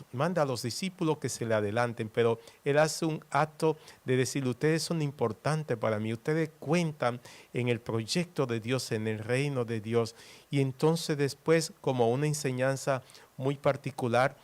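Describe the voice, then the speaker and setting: A man who is a priest, leading a prayer and explaining a Bible passage in an earnest, teaching way. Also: mid-range voice. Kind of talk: prayer and homily.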